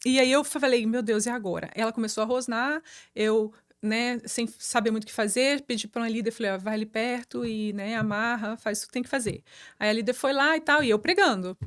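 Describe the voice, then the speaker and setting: A woman pastor with a Brazilian Portuguese accent, telling a personal testimony in a lively, chatty way. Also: on the high side, brisk, dry recording, clean studio sound. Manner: lively, chatty, many fillers and restarts. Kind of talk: testimony storytelling.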